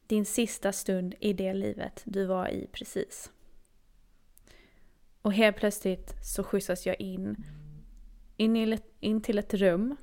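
Swedish-speaking woman telling a story, creaky. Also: mid-range voice, darkish tone. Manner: earnest, intimate, dropping to near-whispers at intense moments. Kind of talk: personal storytelling.

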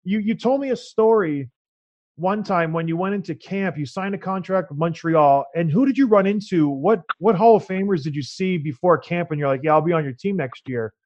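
A podcast host keeps a casual conversation chatty and upbeat, often laughing along with his guest. His voice is high-pitched with a darkish tone and a brisk pace. The sound is dry and slightly dull, with no echo.

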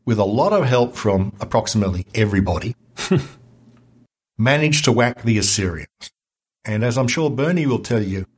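A man guest on a history podcast, explaining events in a lively, wry conversational way. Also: lowish voice, husky. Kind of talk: casual history chat.

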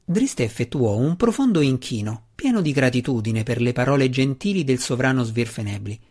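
A man's voice: mid-range voice, animated, moderate pace, a little mellow. Male narrator reading a fantasy novel. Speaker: audiobook narrator. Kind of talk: scripted narration.

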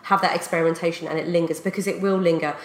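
Quick-talking woman podcast co-host. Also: lowish voice, fairly even intonation. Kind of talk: casual chat. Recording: roomy echo.

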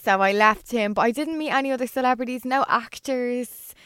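A woman's voice: fairly high pitch, a little fast, fairly bright tone, clean tone, dry recording, clean studio sound. A woman co-hosting a podcast, telling casual anecdotes in an informal, gushing way peppered with "like". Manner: gushing, informal, frequent "like" asides. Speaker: podcast co-host.

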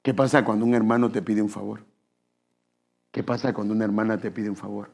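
A man's voice: lowish voice, fairly even intonation, fairly quick, vocal fry, a little mellow, breathy edge. A man preaching a sermon, chatty, asking his listeners questions and calling them brother. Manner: conversational, addresses listeners as brother, asks questions.

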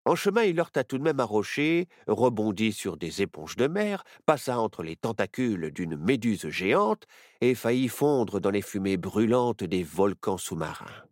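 A man reads a children's adventure story aloud, his pitch swooping up and down with drama. The recording is close and dry, with no room sound. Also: normal speed, dry recording. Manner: expressive, animated reading.

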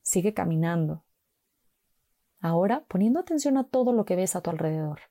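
A woman slowly guiding a mindfulness walk with calm, gentle instructions and long pauses. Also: on the low side, dry recording, studio quality. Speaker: meditation guide.

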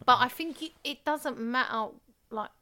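A woman in a bright, lively voice that sits fairly high. She co-hosts a casual chat from her living room. She tells stories with animation and laughs easily. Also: moderate pace. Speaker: podcast co-host.

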